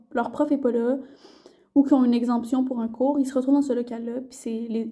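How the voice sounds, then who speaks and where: A woman's voice: on the high side, mellow. A young woman from Quebec with a Québécois accent, a student intern chatting casually in a rambling vlog with many fillers and restarts. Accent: Québécois French.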